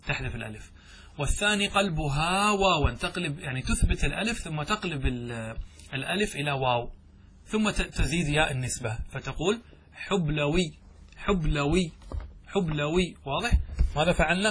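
A middle-aged man lectures on grammar in a slightly high voice. He walks through each rule step by step, pauses to ask his listeners checking questions, and often restarts a word. A faint hiss and some clicks sit under the recording. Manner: explains step by step, asks the class checking questions, restarts words. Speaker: sheikh teaching Arabic grammar. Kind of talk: classroom lecture.

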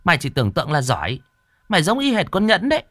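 A man voicing a shrill, hot-tempered village woman in a ghost story. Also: lively intonation, moderate pace, no echo, clean studio sound. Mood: scolding.

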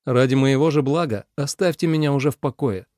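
A man's voice: mid-range voice, a little fast, darkish tone, dry recording, clean studio sound, close to an everyday voice. A man voicing a proud, defiant young nobleman who speaks curtly and mockingly in a storybook reading. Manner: curt, mocking.

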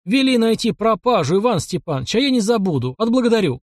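A man's voice: high-pitched, very animated, quick pace, dry recording, clean studio sound, pitched above the performer's own voice. A man voicing a greedy merchant who wails and whines near tears, in an audiobook. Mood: pleading. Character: wailing, whining older male merchant, greedy.

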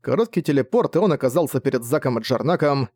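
Man, audiobook narrator, steady storytelling, mid-pitched, dry close mic. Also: fast talker, dry recording. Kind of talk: scripted narration.

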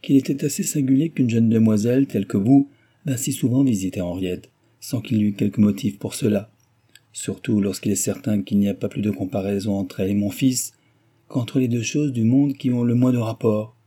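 A man's voice: fairly low pitch, normal speed, dark tone, breathy edge. A man voicing a garrulous, complaining middle-aged mother in a novel reading. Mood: peevish, rambling. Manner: rambling, complaining.

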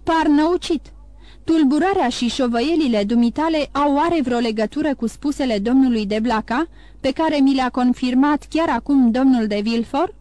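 A woman reads as an aging king who barks his questions in a raised, commanding voice. He is imperious and quick to alarm. The audiobook sound is dry and close. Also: high voice, warm tone, dry recording, close to an everyday voice. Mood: stern.

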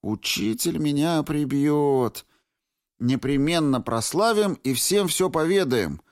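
A man voicing a frightened young male necromancer in an audiobook, talking in a fretful, rushed inner monologue. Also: on the high side, expressive, no echo, studio quality, pitched above the performer's own voice. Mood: panicked.

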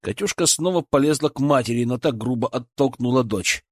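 A man narrating an audiobook calmly and evenly. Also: mid-range voice, brisk, husky, no room sound, clean studio sound. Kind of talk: scripted narration.

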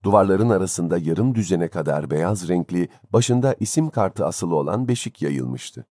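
A man reading a story aloud as an audiobook narrator, in a measured, expressive way. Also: low voice, no room sound, clean studio sound. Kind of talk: scripted narration.

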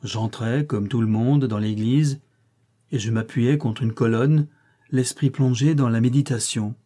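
A man narrating a classic short story in the first person, reading in a measured, literary manner. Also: medium pitch, steady tone, dark tone. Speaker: audiobook reader.

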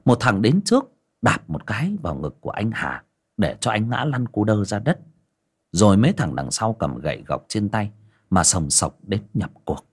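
Man, storyteller, dramatic narration, low voice, lively intonation. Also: moderate pace, husky.

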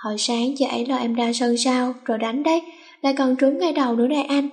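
A woman's voice: high voice, fairly even intonation, fast, darkish tone. A woman voicing a cunning teenage schoolgirl who bosses her friends and plays sweet to get her way. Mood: sassy. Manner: bossy, mock-sweet when acting.

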